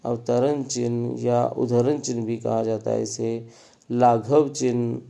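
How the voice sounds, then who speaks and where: Slow, gravelly-voiced man teaching grammar. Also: medium pitch, little pitch movement, warm tone. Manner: measured, lists items one by one with pauses. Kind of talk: slow explanatory lesson.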